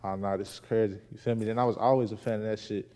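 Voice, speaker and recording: Chicago rapper guy chatting in an interview, kinda low, mellow, mumbly, laid-back slang. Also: fairly even intonation, fast talker. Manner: laid-back slang, trails into mumbles, repeats "you feel me". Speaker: rapper and producer, guest. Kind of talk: casual interview chat.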